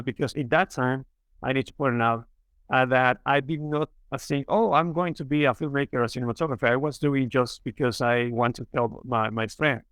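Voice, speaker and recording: A young filmmaker from Mexico City, speaking English with a Mexican Spanish accent, is a guest on a podcast interview. He's earnest and halting, full of fillers and restarts, with a medium-pitched, slightly bright, clear and resonant voice on a dry recording.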